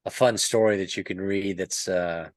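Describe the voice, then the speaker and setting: A man's voice: low voice, fairly even intonation, normal speed, no room sound. A man in a casual podcast book discussion, rambling and thinking aloud as he talks. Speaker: podcast panelist.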